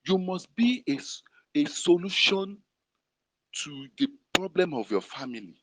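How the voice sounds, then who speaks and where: A man's voice: sits high, big pitch swings, unhurried, noisy background. Emphatic Nigerian-accented preacher man. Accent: Nigerian, Yoruba-influenced. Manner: repetitive, emphatic preaching with call-and-response. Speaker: pastor. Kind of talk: sermon. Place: prayer room gathering, fed to an online audience.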